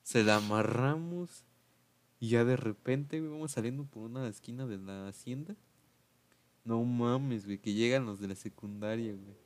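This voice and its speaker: Mexican guy rambling thru a funny story, slangy, jumps up high when he quotes people. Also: moderate pace, no echo. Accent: Mexican Spanish. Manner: slangy, laughing, acts out quotes in raised voices. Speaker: podcast host telling a story. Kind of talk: casual chat, storytelling.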